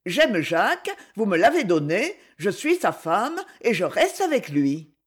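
A man's voice: sits high, huge pitch swings, a little slow, slightly rough, exaggerated voice. A man voicing a determined young wife in a storybook reading, firm and decided.

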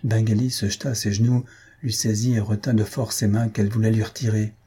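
A man reading a novel aloud in a measured, expressive style. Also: fairly low pitch, slightly rough. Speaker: audiobook reader. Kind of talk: scripted narration.

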